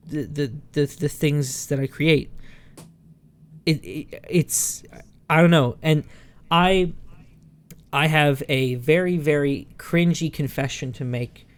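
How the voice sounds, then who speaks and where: A man in his thirties co-hosting a podcast, chatting casually, often stumbling and repeating words, self-deprecating. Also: fairly high pitch. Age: 30s. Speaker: podcast co-host. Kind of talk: casual chat.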